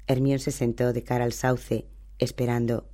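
A man narrates a novel in steady, even storytelling. His voice is dark and mellow, with a relaxed, scripted delivery. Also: medium pitch, normal speed. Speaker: audiobook narrator.

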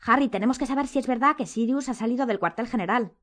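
A bright, raised voice talks quickly and urgently: a woman playing a clever, bossy teenage girl from a storybook. She pleads, insists and lays out plans with nervous energy. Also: on the high side, pitched above the performer's own voice, lightly acted.

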